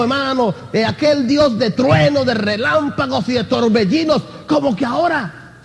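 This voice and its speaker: A man preaching an impassioned sermon as pastor, addressing the congregation again and again as brother. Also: very high voice. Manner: impassioned preaching, often calling out "hermano". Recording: long hall reverb.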